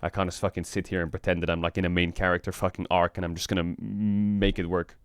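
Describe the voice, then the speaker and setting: A man streaming in casual chat, frank and rambling, swearing often, with a flat delivery because he just woke up. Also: quick pace, clear, resonant tone, dry recording, studio quality. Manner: flat, low-energy delivery. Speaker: streamer and esports team owner.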